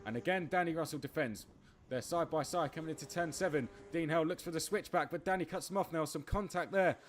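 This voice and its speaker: A man calling a kart race live, excitable, breaking into laughs and tripping over his words. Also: a little high, quick pace, a little hiss or hum. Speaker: race commentator. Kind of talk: live motorsport commentary.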